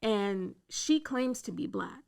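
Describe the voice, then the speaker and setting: A woman guest on a talk show, making her points clearly and backing them with examples. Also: fairly high pitch, lively intonation, takes it slowly, darkish tone. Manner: articulate, builds points with examples. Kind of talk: casual debate talk.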